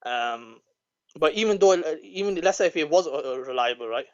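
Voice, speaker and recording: A man calling in to a debate, measured and hesitant, often pausing with fillers. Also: a little high, lively intonation, dull audio. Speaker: caller. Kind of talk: call-in debate.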